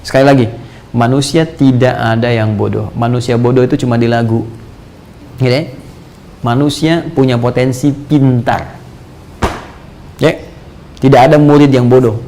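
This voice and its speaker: A man from Indonesia giving a sermon lecture, animated, asking the audience rhetorical questions and leaping high in pitch for emphasis. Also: normal speed, long pauses, a little hiss or hum. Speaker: Islamic preacher.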